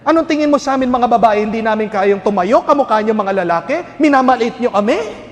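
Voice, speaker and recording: A man voicing an angry young woman on a bus, shouting and demanding, with hall reverb and faint music behind. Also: very high-pitched, animated, fast, voice pushed up. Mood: indignant shouting.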